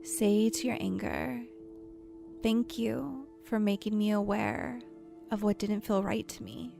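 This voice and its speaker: Soft music plays faintly under a woman hosting a guided imagery meditation. Her medium-pitched voice is soft, mellow and steady, with noticeable vocal fry. She leads the visualization gently with leisurely pauses, occasionally slipping into breathiness.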